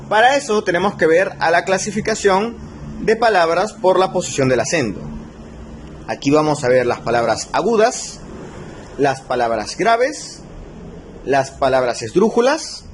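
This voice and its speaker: A man teaching a recorded spelling lesson, slowing down to stress key rules and checking in with his students. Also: a little high, slight background noise. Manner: slow, stretched emphasis on key rules, frequent check-ins. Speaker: language teacher.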